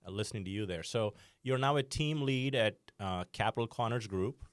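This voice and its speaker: A middle-aged man hosts a podcast interview and reflects aloud on his guest's story, speaking conversationally with frequent fillers. His voice is on the low side. The recording is dry and close. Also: a little fast, no echo. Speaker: podcast host.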